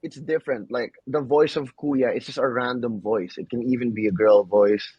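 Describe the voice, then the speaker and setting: A man's voice: medium pitch, fairly even intonation, normal speed, darkish tone, breathy edge, no room sound. A man hosting a podcast in a laid-back way, calling his guest bro and man. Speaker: podcast host. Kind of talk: casual interview chat. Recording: dull lo-fi, dry sound.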